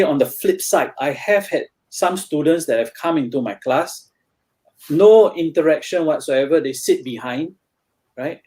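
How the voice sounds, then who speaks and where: A man with a Singaporean English accent talks as a guest tutor in a relaxed interview. He pauses often, filling gaps with "uh" and "you know" and restarting his sentences. His voice sits a little higher than most men's. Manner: hesitant, many fillers and restarts. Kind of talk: casual interview chat.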